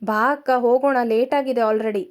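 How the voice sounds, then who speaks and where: A woman's voice: fairly high pitch, steady tone, normal speed, natural voice. A woman voicing a cheeky young woman, a playful younger sister in a storybook tale.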